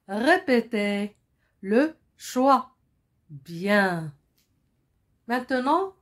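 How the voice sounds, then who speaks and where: A woman French teacher, drilling vocabulary slowly and asking pupils to repeat, sometimes explaining in Arabic. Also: fairly high pitch. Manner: switches into Moroccan Arabic to explain. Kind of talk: slow classroom-style lesson.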